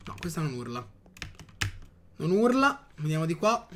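A man giving casual gameplay commentary, chatting to his viewers with excitable outbursts. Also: fairly high pitch, normal speed, a little hiss or hum. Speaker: gaming youtuber.

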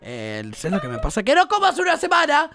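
A young man with a Rioplatense accent chatting playfully and excitably over gameplay. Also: very high-pitched, fairly quick, over music. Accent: Rioplatense Spanish. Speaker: gamer in a duo gameplay video. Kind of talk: casual gameplay commentary.

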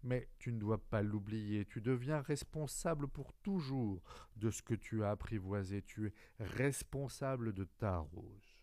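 A man reading an audiobook, voicing a wise, gentle fox who speaks in a calm, measured way. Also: on the low side, no echo, lightly acted.

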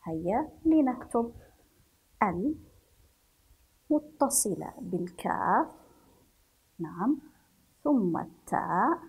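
A woman teaching a children's reading lesson, slowly sounding out each letter and syllable. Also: on the high side, a little mellow, slightly rough, low-quality recording. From Yemen. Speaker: primary school teacher.

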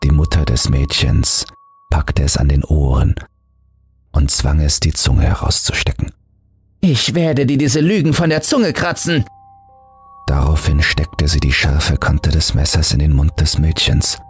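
Man with a really deep voice reading a creepy story, calm and steady, faint music under it. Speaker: horror story narrator. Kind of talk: scripted horror audiobook narration.

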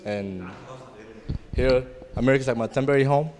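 A man who grew up in Somalia answering casually and quickly in an interview. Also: mid-range voice, slight background noise. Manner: casual, fast, animated.

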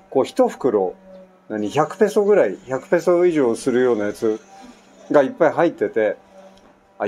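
A man in his sixties from Japan, chatting casually through a story with many asides, recording at home. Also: medium pitch. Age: 60s. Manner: chatty, animated anecdote telling with frequent asides. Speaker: vlogger. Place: at home on an island, construction nearby. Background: faint construction noise.

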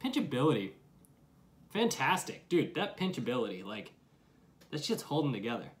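A man's voice: medium pitch, sing-song, moderate pace. A young adult man giving a casual product review to camera, with slangy talk and plenty of swearing. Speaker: dip review vlogger. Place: small room at home, curtain behind.

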